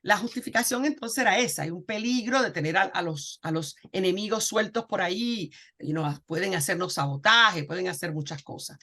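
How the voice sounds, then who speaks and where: A woman's voice: medium pitch, sharp tone. A woman giving an informal history lecture over slides, chatty, with many fillers and checking questions to her class. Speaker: history teacher.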